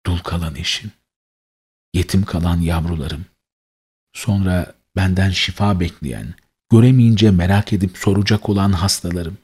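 Deep husky man narrating solemnly. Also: normal speed, darkish tone. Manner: solemn, mournful recital. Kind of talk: dramatic first-person story narration.

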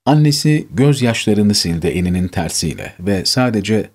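A man narrating a scripted story in a measured, emotive reading. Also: lowish voice, expressive, darkish tone.

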